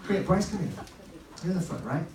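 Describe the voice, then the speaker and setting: Talking fast in a high-pitched, expressive voice with a darkish tone, a pastor delivers an upbeat, informal youth sermon. He shares stories conversationally and performs quoted lines, picked up distantly in an echoey room with a little noise.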